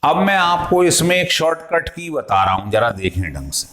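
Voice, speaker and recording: A man's voice: a little high, very animated, moderate pace, a bit bright, slight background noise. Man teaching in an echoey room. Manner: explains step by step and quizzes students. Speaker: chemistry teacher. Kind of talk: classroom lecture.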